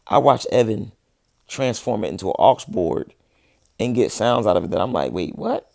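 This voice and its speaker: Speaking at a normal speed, this musician in his thirties answers viewers on a casual livestream in easygoing slang, frequently restarting. His voice is low, gravelly, and fading, which he admits as he says he's losing it. The recording is close and dry, without any room echo.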